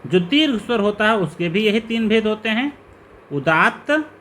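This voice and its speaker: A male teacher gives a slow, step-by-step lecture on grammar, going through terms one after another. His voice sits high and moves a lot, rising on each question. A faint hiss runs behind him. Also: lively intonation, a bit bright. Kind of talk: classroom lecture explaining grammar.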